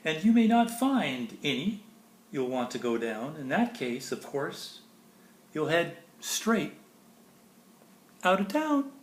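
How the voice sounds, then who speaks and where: A man reading a children's picture book aloud expressively, with pauses between phrases and chatty explanations to listeners. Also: a little high, sing-song. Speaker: storybook reader. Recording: echoey room.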